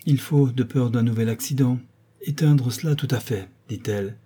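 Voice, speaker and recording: Brief: male audiobook narrator, dark husky voice, measured and expressive. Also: mid-range voice.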